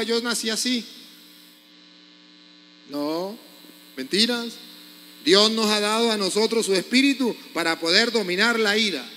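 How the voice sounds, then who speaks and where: A man's voice: high voice, sharp tone, in a large hall, slight background noise. A priest preaching a sermon, scolding his congregation with pointed rhetorical questions.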